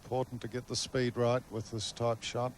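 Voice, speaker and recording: A man giving live golf commentary, explaining play in measured, short phrases. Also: mid-range voice, flat delivery, a little hiss or hum.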